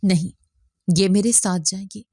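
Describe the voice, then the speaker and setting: Woman doing a harsh scolding father, stern, mellow dark tone, dry sound. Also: medium pitch, dry recording, lightly acted. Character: harsh stubborn village father, man.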